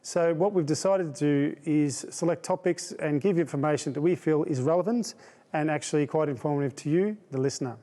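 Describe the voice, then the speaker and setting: An Australian-accented man with a warm, rather high voice speaks fairly quickly. He hosts a webinar, presenting conversationally to an online audience in an informal, self-deprecating way.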